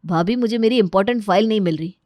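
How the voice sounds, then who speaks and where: A woman voicing an impatient young husband in a cartoon story, hurried and irritated. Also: medium pitch, dark tone, no echo, clean studio sound, close to an everyday voice.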